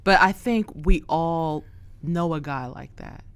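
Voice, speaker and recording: A woman's voice: deep voice, slow, noisy background. A woman interviewer chatting casually, reacting informally and colloquially to her guest.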